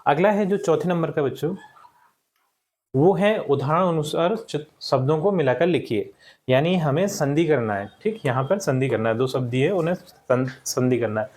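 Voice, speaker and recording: A young adult male teacher giving a recorded lesson to schoolchildren, repeating each word slowly and checking in with the class after each point. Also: on the high side, animated, a little mellow. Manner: addresses the class as children, checks with "ठीक".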